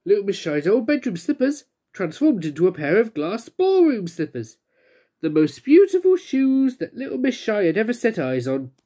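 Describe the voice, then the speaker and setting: A woman reading a children's storybook aloud, her pitch rising and falling in a lively way. She brings each character to life as she goes. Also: moderate pace. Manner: expressive, voicing characters.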